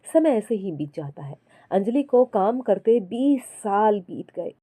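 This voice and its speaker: A woman telling a scripted story in a calm, even narrating voice. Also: mid-range voice, measured pace, no room sound.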